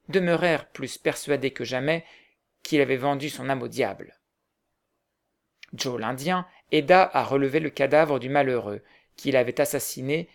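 A man narrating a novel aloud in measured storytelling. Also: medium pitch, creaky. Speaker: audiobook narrator. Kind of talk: scripted narration.

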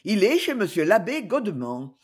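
A woman's voice: mid-range voice, very animated, moderate pace, slightly rough. A woman voicing a matter-of-fact village baker in a storybook reading, plain and explanatory.

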